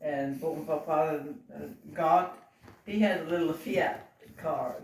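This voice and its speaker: A very old woman in her nineties from Belgium, recalling her past informally and haltingly as she searches for words. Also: low-pitched, darkish tone. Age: 90s. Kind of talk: informal oral reminiscence. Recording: roomy home recording, distant mic, faint noise.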